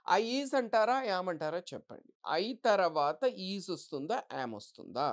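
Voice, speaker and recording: In an exam-prep grammar lesson, a woman with a low, very animated voice teaches English, putting questions to the class and answering them herself. She reads the English example sentences slowly and deliberately.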